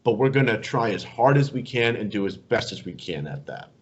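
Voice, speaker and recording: A man's voice: on the low side, sing-song, brisk, lo-fi sound. A man hosting a casual interview, genial and often repeating words as he finds his phrasing. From Middle East. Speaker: podcast host.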